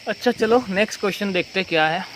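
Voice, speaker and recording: In a recorded math lesson, a man walks through each step, posing questions, repeating them, and answering them himself. His voice is high-pitched, fast, and fairly bright. The audio is poor, with slight background noise.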